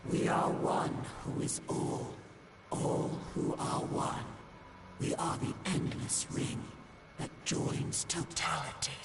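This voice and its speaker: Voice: mid-range voice, vocal fry, very noisy, heavily acted. An actor voicing an ominous, collective alien hive mind that speaks coldly and commandingly as "we". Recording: echoey distant voice under loud game music.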